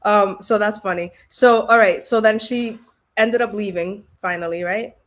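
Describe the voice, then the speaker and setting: Animated woman hosting a livestream. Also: medium pitch, moderate pace. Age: 40s. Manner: animated, playful, repeats herself, acts out other people. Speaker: host. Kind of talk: casual livestream interview.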